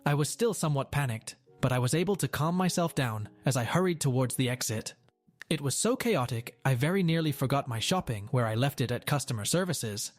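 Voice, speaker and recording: A man reads a first-person story aloud in an earnest, plain manner, at an even middle pitch. Faint background music runs under his voice. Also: brisk. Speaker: story narrator.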